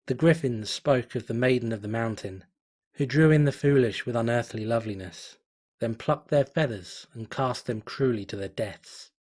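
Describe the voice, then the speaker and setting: Reading a fan story at home, a man keeps a measured, dramatic pace and lets the suspense climb steadily through each line. He speaks at an everyday mid-range male pitch, with a somewhat dark tone.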